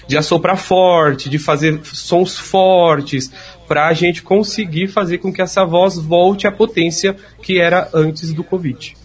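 A man's voice: sits high, fairly even intonation, slow, husky. A man, a speech therapist patiently explaining treatment step by step in an interview.

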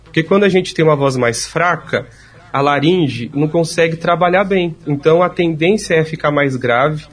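Man, speech therapist, husky and slightly high voice, patient explainer. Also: moderate pace. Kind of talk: explanatory interview answers.

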